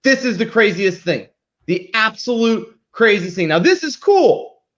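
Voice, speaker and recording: On dull, lo-fi audio, a man with a high, slightly bright voice hosts a live marketing show, speaking a little slowly but with great animation. He presents and critiques emphatically and informally, peppering his points with tag questions that seek agreement.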